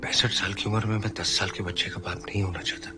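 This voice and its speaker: An actor playing a regretful man of fifty who speaks quietly and with resignation, mixing Hindi and English. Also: low voice, steady tone, fast talker, music in the background, natural voice. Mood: resigned. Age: 50s. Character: weary fifty-year-old man, regretful ex-husband. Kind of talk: film dialogue.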